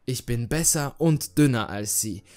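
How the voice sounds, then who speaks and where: A man's voice: mid-range voice, animated, a little slow, darkish tone, soft background music, close to an everyday voice. A man voicing a vain, arrogant young female fashion model in a horror story reading, speaking in a haughty, condescending way.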